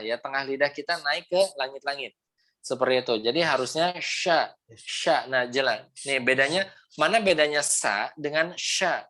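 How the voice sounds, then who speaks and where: A man teaching pronunciation in an online class over a video call, patient and repetitive, modeling sounds slowly. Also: a little high, fairly bright tone. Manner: patient, repeats "seperti itu, ya" often, demonstrates sounds. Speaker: Quran recitation teacher.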